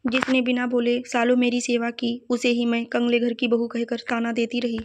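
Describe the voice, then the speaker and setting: Brief: elderly stern matriarch, read by a woman narrator, even storybook delivery, higher voice. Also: moderate pace, no echo, lightly acted. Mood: anguished. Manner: stern and pleading. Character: stern then broken elderly mother-in-law woman.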